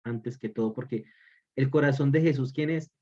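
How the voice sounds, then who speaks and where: A man's voice: medium pitch, moderate pace, dark tone, husky. A man teaching an online religious formation class, repeating key phrases for emphasis. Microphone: video call. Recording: dull lo-fi call audio.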